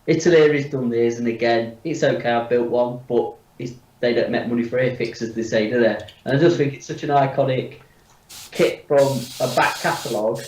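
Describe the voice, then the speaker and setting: A man's voice: medium pitch, normal speed, a little mellow. A man with a blocked nose chatting casually on a video call, his voice sounding echoey and far from the microphone. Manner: chatty, opinionated, lots of fillers. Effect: echoey room sound, voice far from the mic. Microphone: computer mic on a video call. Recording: echoey, distant, dull mic on a call.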